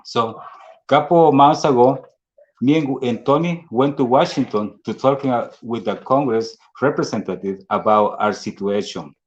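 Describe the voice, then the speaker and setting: A man in his forties from El Salvador who speaks Spanish natively, giving an earnest personal speech in halting English with a Salvadoran Spanish accent. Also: medium pitch. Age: 40s. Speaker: speaker at a fundraising dinner. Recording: dull lo-fi audio.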